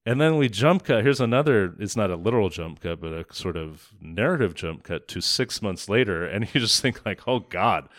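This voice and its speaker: Animated, swearing man chatting about film. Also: fairly low pitch, normal speed, few pauses. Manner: animated, swearing, acts out scenes. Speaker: podcast co-host. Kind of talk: casual film discussion.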